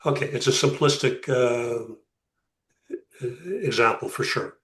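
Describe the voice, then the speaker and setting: A man lectures as a rabbi to a class, heard from a distance in an echoey room. His mid-pitched voice moves deliberately, with pauses and rhetorical questions. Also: a bit bright. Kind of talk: interactive religious lecture.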